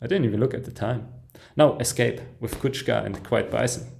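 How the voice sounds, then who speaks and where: Man giving excited live music commentary. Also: medium pitch, moderate pace, vocal fry, a little hiss or hum. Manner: enthusiastic, frequent soft "ooh"s and chuckles; breaks off and restarts sentences while listening. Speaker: music reaction host.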